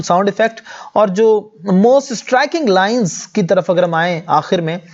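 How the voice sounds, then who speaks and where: Man, poetry teacher, high voice, mixes English terms into his explanation, reads verse slowly, muffled lo-fi sound. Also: darkish tone. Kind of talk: lecture on a poem.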